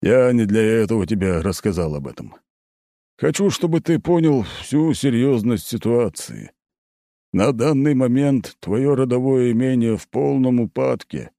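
A man's voice: lowish voice, warm tone, no room sound, studio quality, voice pushed up. A man voicing an aging, worried count and academy rector who gives urgent, insistent warnings in an audiobook. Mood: earnest warning. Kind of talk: audiobook character voice.

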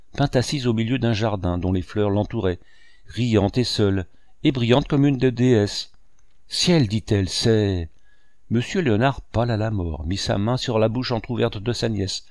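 A man narrating a story as an audiobook reader, in a measured literary reading. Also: lowish voice, a little mellow, no echo, studio quality. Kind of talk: scripted narration.

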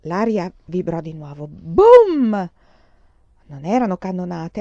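A woman reading a children's novel aloud in a measured storytelling voice, close to the mic. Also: mid-range voice, no room sound, dull audio. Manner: measured reading, slowing on narration, brighter for children's lines. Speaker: reader.

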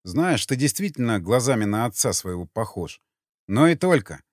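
A man reading the lines of a weary, bitter father in an audiobook, with an animated pitch and a dry close sound. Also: normal speed, no room sound, natural voice. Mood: curt. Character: weary grieving father, a stern settlement man.

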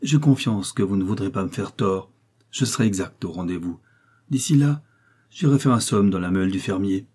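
A man's voice: sits low, animated, normal speed, a little mellow, husky. Man doing a boozy, sly vagabond. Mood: wheedling.

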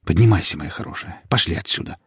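Man reading a tender rescuer husband, soothing, husky, low, dry audiobook sound. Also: quick pace, no echo. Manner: gentle, soothing, urgent. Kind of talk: audiobook character voice.

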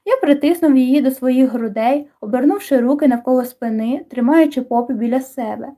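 A woman narrates an audiobook in calm, even storytelling. Her voice sits high and sounds soft and mellow. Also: fairly quick. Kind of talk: scripted narration.

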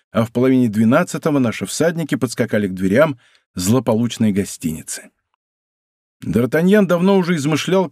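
A man reading an adventure audiobook in measured scripted narration. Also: mid-range voice, darkish tone, no echo, clean studio sound.

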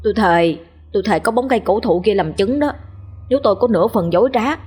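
A woman's voice: medium pitch, lively intonation, fast talker, darkish tone, breathy edge. A woman voicing a young man under a ghost's spell who swears oaths and snaps at his mother, in a spoken ghost story. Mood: pleading. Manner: irritable, pleading, rising to panic. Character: young man, sullen and strained, bewitched.

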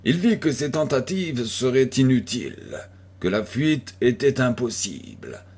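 Slow, husky male audiobook reader. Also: mid-range voice, expressive, a little mellow. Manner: slow, deliberate reading. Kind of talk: scripted narration of a 19th-century detective novel.

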